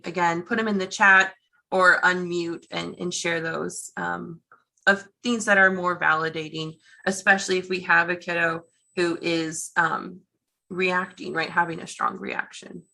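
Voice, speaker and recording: A woman presenter talks through an online teaching session over a video call. Her voice sits a little low, with a gravelly edge and a bright tone. She keeps it chatty and encouraging, full of fillers. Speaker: workshop presenter.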